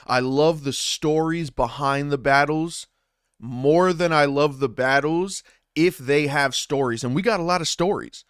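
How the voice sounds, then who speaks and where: His voice is fairly high, clear, and resonant, and he takes his time, with no echo in the recording. On a home livestream he chats loosely about battle rap as a commentator, restarting sentences and using fillers like "man" and "bro," on a studio dynamic mic through an audio interface.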